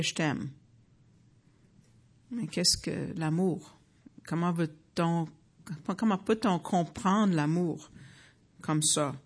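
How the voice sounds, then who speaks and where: A woman in her fifties from the United States giving a personal faith testimony to an audience, earnest and halting, with frequent fillers and restarts. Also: fairly low pitch. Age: 50s.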